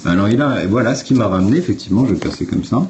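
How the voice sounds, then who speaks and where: Talking rapid-fire in an animated, lowish voice, a man hosts a casual phone livestream amid a noisy background. He explains step by step and addresses his viewers directly in a blunt, informal way, swearing along the way.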